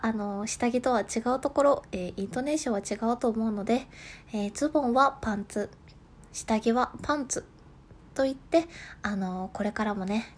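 A woman with a Kansai accent talks on her own in an easy, settled way, reading listener letters aloud. Her voice sits a little high, and she laughs lightly at her own slips. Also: breathy edge. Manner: calm, laughs at herself. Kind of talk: casual solo talk.

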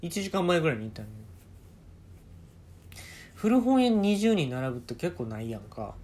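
Speaking with a Kansai accent, this man hosts a podcast alone and spins a funny story casually, voicing the quoted lines himself. His pitch is a little high with big swings, his pace moderate, and his tone darkish.

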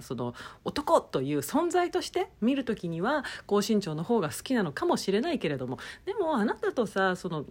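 A woman talks on her own in a relaxed podcast chat. Her voice is breathy and slightly husky, and her pitch moves around a lot. She keeps turning to her listeners with rhetorical questions. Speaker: podcast host. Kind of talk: casual solo talk.

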